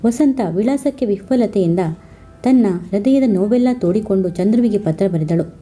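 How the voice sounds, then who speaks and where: Woman storyteller, scripted narration, steady reading, husky voice, very mellow tone. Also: medium pitch, normal speed, faint music behind.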